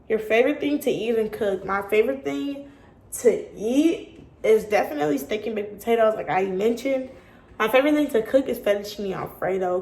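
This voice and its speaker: A young woman with a slightly high voice chats her way through a casual Q&A vlog. She talks straight to her viewers in a lively, animated way. The room around her is echoey. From California. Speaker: YouTuber.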